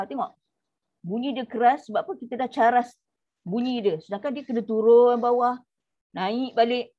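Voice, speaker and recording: Brief: Malaysian woman, recitation teacher, high-ish voice, muffled lo-fi audio, slow sung demos between quick explanations. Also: darkish tone. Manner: drawn-out demonstration syllables between quick explanations. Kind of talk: online tajwid class, demonstrating recitation.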